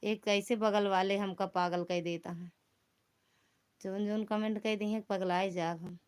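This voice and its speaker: A woman's voice: medium pitch, steady tone, unhurried, a little mellow, clean tone. A woman with an Awadhi accent hosting a casual live stream, bantering with viewers in a teasing, rustic way. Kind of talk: casual live chat reading comments.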